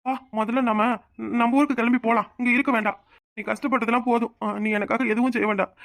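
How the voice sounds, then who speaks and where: A woman voicing an emotional young village husband in a cartoon, with a Tirunelveli Tamil accent, pleading and quick to flare up. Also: fairly high pitch, fairly even intonation, no echo, studio quality, close to an everyday voice. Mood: earnest. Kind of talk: cartoon voice acting.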